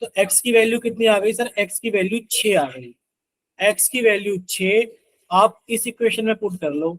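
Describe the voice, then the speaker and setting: A man's voice: high voice, normal speed, no echo, rough recording. A man teaching an online math class, coaxing students to answer and working sums aloud with chanted multiplication tables.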